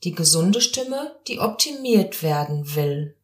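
Woman, voice coach, podcast lesson, slow and calm, echoey room. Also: lowish voice. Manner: calm, explanatory, demonstrates voice sounds.

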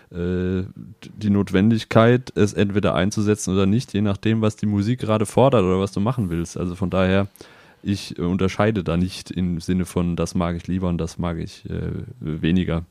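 Very deep-voiced male guitarist guest. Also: mellow, no room sound. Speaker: guest musician. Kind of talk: casual interview answers.

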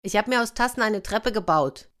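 A woman voicing a gruff, greedy and dim-witted male ogre in a children's fairy tale, bellowing loudly. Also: medium pitch, expressive, fairly quick, voice pushed up, close to an everyday voice. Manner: bellowing and loud.

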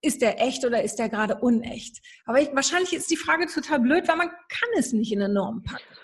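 A woman's voice: sits high, animated, brisk. A woman hosting a podcast interview, chatty and asking long questions with hesitant restarts. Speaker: podcast host.

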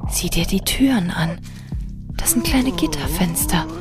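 A woman's voice: on the low side, big pitch swings, unhurried, music in the background. A young woman playing a determined explorer in an audio drama, speaking urgently and often dropping to a whisper. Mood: tense determined. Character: young woman Amanda, brave leader in a haunted castle.

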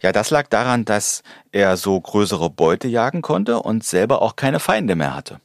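Deep-voiced man explaining things to children. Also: animated, unhurried, faint music behind. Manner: chuckling, conversational explanations in vivid everyday words. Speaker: dinosaur expert guest. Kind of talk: unscripted interview answers for children.

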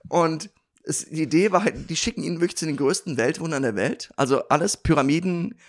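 A man's voice: a little high, brisk. A man co-hosting a casual podcast chat about TV series, often restarting sentences and laughing as he tells stories. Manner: hesitant restarts, laughs while telling stories. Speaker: podcast co-host.

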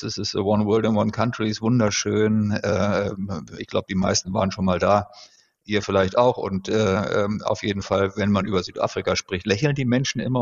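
Middle-aged man, very low pitch, gravelly fry, standard High German, measured podcast talk, dull lo-fi recording. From born in South Africa, raised in Germany. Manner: measured, explanatory, frequent hesitation sounds. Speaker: guest, former executive. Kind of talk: conversational podcast interview.

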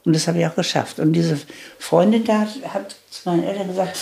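Gravelly older woman recounting her life. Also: lowish voice, dark tone, a little hiss or hum. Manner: candid, halting with restarts, emphatic on key points. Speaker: interviewee. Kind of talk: reflective life-story telling.

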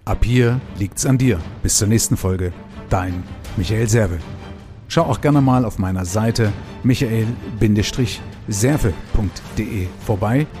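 Low, mellow man signing off over music. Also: measured pace. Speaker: podcast host. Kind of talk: recorded podcast outro.

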